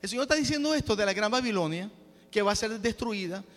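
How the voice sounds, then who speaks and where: High-voiced man preaching in a reverberant hall. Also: expressive, fast, a bit bright. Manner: restarts and stumbles while exhorting; frequent praise interjections. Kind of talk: sermon. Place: church.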